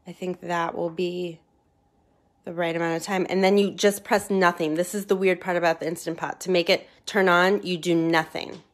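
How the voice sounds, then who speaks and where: This home cook's voice is lowish and moderately paced, with little pitch movement. She chats eagerly while filming a casual kitchen vlog on the phone in her hand.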